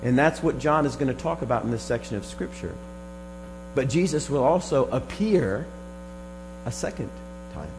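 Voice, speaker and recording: A man with a hoarse, frog-in-the-throat voice teaches scripture verse by verse in a deliberate, emphatic sermon style. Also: mid-range voice, expressive, noisy background. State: hoarse, froggy voice from a strained throat. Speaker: preacher teaching a Bible study.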